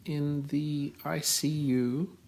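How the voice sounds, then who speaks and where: A man's voice: a little high, little pitch movement, very slow, creaky, darkish tone. A South African man in his forties, answering interview questions carefully and spelling words out. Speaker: podcast host being interviewed by his daughter.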